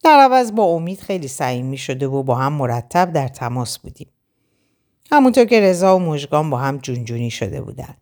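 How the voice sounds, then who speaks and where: A woman reads a first-person novel aloud as narrator, telling the story with expression. Her voice is low for a woman, yet her pitch moves widely and keeps the telling animated. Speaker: audiobook narrator.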